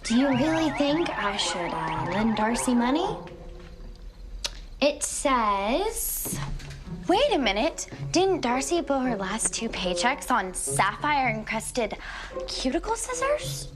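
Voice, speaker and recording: The sensible teenage best friend in a family TV comedy. Her high voice is matter-of-fact with a dry, teasing edge, and music plays behind. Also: big pitch swings, takes it slowly, long pauses, full character voice. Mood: dryly teasing. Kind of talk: television family comedy acting.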